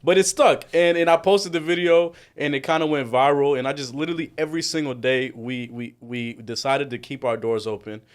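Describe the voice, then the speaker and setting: A young man who owns a restaurant, talking as a guest in an energetic, enthusiastic way. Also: medium pitch, brisk, few pauses, clean tone. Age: young adult. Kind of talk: casual interview chat.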